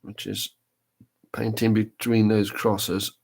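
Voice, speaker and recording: A man's voice: fairly low pitch, level tone, takes it slowly, gravelly, a little mellow, breathy edge. A man chatting casually on a live stream while painting a model, rambling and thinking aloud as he works. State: talking with a brush in his mouth.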